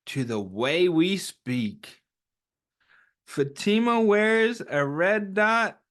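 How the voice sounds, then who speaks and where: A high-pitched, slightly bright male voice belongs to a children's story time host. He reads aloud to young listeners and chats with them encouragingly, often answering his own questions.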